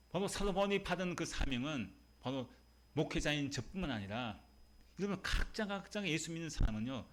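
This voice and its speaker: A man's voice: mid-range voice, a bit bright. A male pastor preaching a Sunday sermon in a church, emphatic, repeating words and putting questions to the congregation. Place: church sanctuary.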